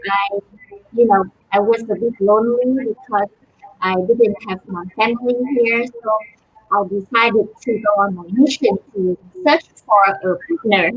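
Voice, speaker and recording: Soft-spoken woman. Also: on the high side, husky, lo-fi sound. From Vietnam. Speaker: social work graduate student.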